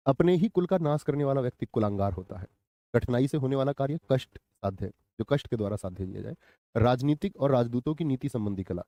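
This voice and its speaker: Guy teaching grammar live online, mellow voice, dry close sound, keeps asking questions and saying the answers twice. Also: medium pitch, no room sound. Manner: quizzing viewers, repeating answers. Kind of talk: live online class lesson.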